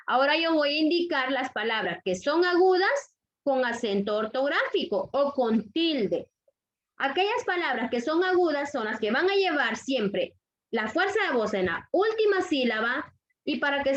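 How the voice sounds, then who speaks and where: Woman, teacher, high voice, slow deliberate delivery, repeats rules, asks if students follow, dull lo-fi audio. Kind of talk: classroom grammar lesson.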